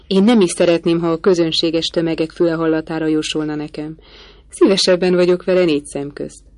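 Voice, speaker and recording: A woman's voice: low-pitched, fairly even intonation, a little mellow, no echo, lightly acted. A woman voicing a haughty, proud young noblewoman in an audiobook, cool and disdainful. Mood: insistent.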